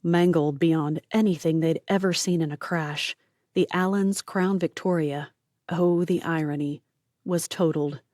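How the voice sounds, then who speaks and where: Low-voiced woman reading a novel aloud. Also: steady tone, unhurried, darkish tone, dry recording, studio quality. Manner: shifts voice slightly for each character, whispers tense lines. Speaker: audiobook narrator. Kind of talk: audiobook narration with character voices.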